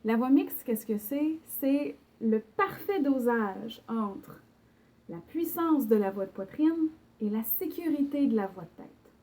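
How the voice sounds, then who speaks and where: A woman's voice: fairly high pitch, lively intonation, slow, warm tone. A young woman with a Québécois French accent giving an online singing lesson, explaining patiently with fillers and short sung examples. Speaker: singing teacher.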